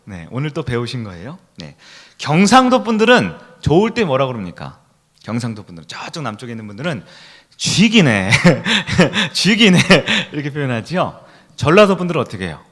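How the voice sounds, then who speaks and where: Animated pastor preaching to his congregation. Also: mid-range voice, quick pace. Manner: questions the congregation and leads call-and-response. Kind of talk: sermon. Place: church sanctuary.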